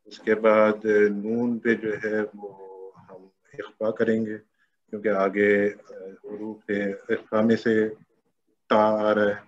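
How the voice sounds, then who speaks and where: Low flat-voiced man on dull call. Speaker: student. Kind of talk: answering in an online class. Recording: dull lo-fi call with faint noise.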